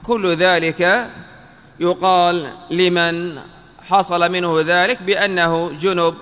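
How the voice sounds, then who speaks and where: A man with a rather high, bright and clear voice delivers a classical text commentary lesson. He speaks in measured, deliberate phrases, one piece at a time. The sound rings with a long hall reverb. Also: steady tone. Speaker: religious teacher.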